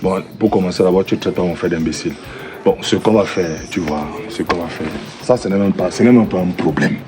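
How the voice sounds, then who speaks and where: An actor with a Cameroonian French accent playing an excitable man who defends his brother and keeps repeating orders to calm things down. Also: low-pitched, brisk, background noise, lightly acted. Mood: placating. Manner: repeats commands, swings between pleading and shouting. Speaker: actor in a comedy sketch. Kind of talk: comic sketch acting.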